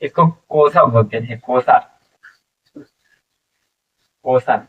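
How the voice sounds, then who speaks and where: A man teaching an English vocabulary lesson, explaining slowly and repeating each word, asking questions and answering them himself. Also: mid-range voice, slightly rough, far from the mic, phone-quality sound.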